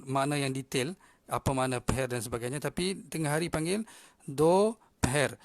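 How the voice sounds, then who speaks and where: A man with a Malaysian Malay accent teaching a language class, patiently repeating words slowly for pronunciation. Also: a little high, no echo. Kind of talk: language lesson.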